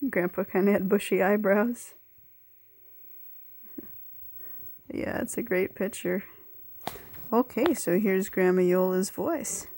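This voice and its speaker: A woman casually narrating over old family photos, pausing often with ums and uhs. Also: mid-range voice, darkish tone. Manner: hesitant, with many ums and uhs. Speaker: family historian presenting a tape.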